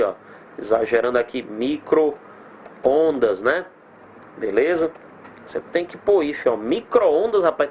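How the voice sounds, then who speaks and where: A medium-pitched man with a Brazilian accent gives a recorded grammar lesson amid slight background noise. Animated throughout, he pronounces example words slowly and drawn out and answers his own rhetorical questions.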